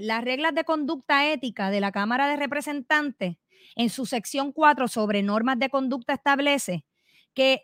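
A middle-aged woman with a Puerto Rican accent delivers a fiery opinion monologue. She speaks emphatically and combatively, turning directly to her listeners. Her voice sits fairly high and sounds close and dry. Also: fairly bright tone, dry recording. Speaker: political commentator and elected delegate.

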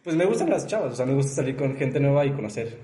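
A man's voice: mid-range voice, big pitch swings, quick pace, warm tone, echoey room. A man in his twenties from León, Guanajuato, chatting casually as a podcast guest in a sing-song León accent, shy at first. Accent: León, Guanajuato, Mexican Spanish. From León, Guanajuato, Mexico. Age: 20s. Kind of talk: casual chat.

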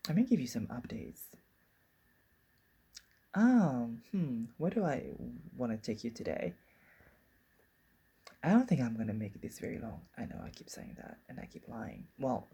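A woman in her forties talks through a casual solo podcast, thinking aloud and circling back on her points. Her voice is dark and husky with a gravelly edge, and she takes her time. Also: extremely low pitch. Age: 40s. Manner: musing, circling back and restarting thoughts. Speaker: podcast host.

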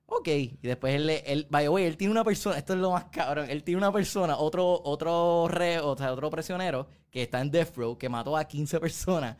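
A man's voice: on the high side, fairly quick, few pauses, smooth. A man, animatedly retelling a show's plot in casual chat and mixing in English words. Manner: animated storyteller, mixes English into Spanish.

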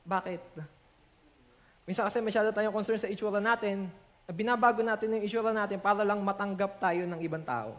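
A man with a Filipino accent preaching a sermon to a congregation, slowing down to stress verses and switching between Tagalog and English. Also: high-pitched.

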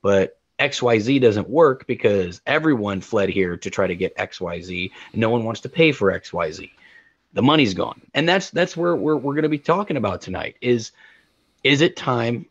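A man's voice: medium pitch, animated, normal speed, breathy edge, dry recording, dull audio. A man co-hosting a talk show, ranting heatedly and repeating words for emphasis. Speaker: podcast co-host.

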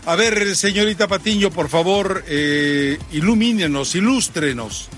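Presentador mexicano de voz brillante. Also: male voice, high-pitched, fairly bright tone, faint music behind. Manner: brisk, leads segments and breaks. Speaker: host. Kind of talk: sports talk show hosting.

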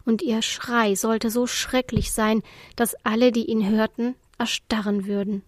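A woman reading the part of a lonely, gentle female ship spirit who sighs as she tells her story, in a storybook reading. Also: fairly high pitch, little pitch movement, a little slow, no echo, clean studio sound, lightly acted. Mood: wistful.

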